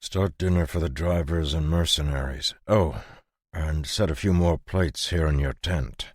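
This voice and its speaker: A man voicing a calm, curt young swordsman who speaks steady and unhurried. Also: a bass voice, dry recording, clean studio sound.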